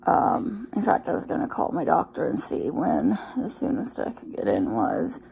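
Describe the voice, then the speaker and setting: A woman's voice: deep voice, sing-song, moderate pace, gravelly, dark tone, slightly rough, low-quality recording. A woman talking in a casual, rambling personal vlog, sounding weary and emotionally drained, hesitant and often trailing off. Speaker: vlogger sharing daily health updates.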